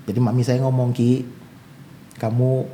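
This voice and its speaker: A man's voice: medium pitch, unhurried, a little hiss or hum. A male pastor, telling his own life story in an interview and acting out the voices of people he quotes. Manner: animated storyteller who acts out quoted voices.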